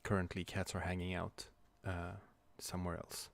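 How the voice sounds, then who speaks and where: A man chatting casually on a livestream from home, talking quietly but clearly, soft and halting as if others are asleep nearby. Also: sits low, monotone. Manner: quiet but clear, soft late-night talking to avoid waking a child; halting, hesitant. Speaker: livestream host. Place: room at home.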